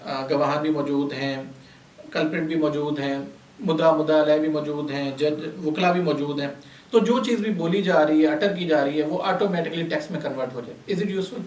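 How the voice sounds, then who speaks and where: A high-pitched man teaches a workshop class. He explains terms patiently and asks the class questions that he then answers himself. His voice comes from some distance in an echoey room. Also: moderate pace, darkish tone. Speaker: lecturer. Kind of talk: classroom lecture.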